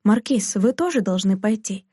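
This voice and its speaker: A woman's voice: animated, moderate pace, mellow, husky, no room sound, studio quality. A woman reading aloud, voicing a stingy, domineering elderly aunt who fusses and complains. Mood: bossy fretful. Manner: shrill, fretful and bossy.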